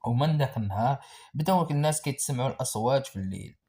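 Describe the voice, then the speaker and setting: A man's voice: medium pitch, lively intonation, very fast, dark tone. A man with a Moroccan accent narrating a horror story in a dramatic, suspenseful way.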